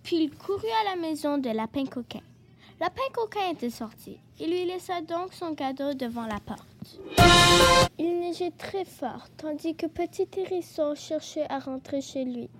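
Woman, high voice, children's story reading, gentle and expressive. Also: moderate pace, over loud music.

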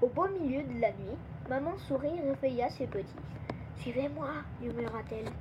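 A woman reading a children's Christmas story aloud in a gentle, expressive storytelling manner. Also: high voice, moderate pace. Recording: dull lo-fi with clear background noise.

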